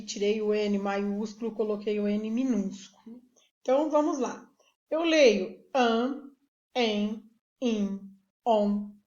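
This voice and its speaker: A woman teacher giving a recorded literacy lesson, slowly spelling words out syllable by syllable. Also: fairly high pitch, a little mellow. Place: remote classroom video recording. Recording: echoey room, dull lo-fi sound.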